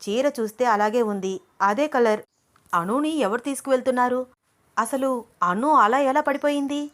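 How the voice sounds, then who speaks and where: A woman's voice: a little high, moderate pace, fairly bright tone, pitched above the performer's own voice, natural voice. A woman voicing an anxious young man who fires off worried questions in a spoken story. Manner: urgent and questioning. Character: alarmed young man, protective friend.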